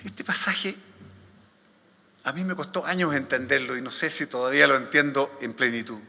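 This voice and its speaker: A man preaching a conference sermon, swinging between loud fervent pleading and hushed, tender scripture reading. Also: medium pitch, normal speed, creaky. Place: conference hall. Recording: long hall reverb.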